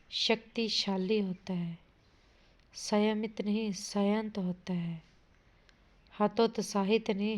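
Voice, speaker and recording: A woman's voice: medium pitch, darkish tone. A woman teaching an exam-prep grammar lesson. She reads out sentences, asks what a word means, corrects it, and calls her listeners "bhai". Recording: dull lo-fi audio.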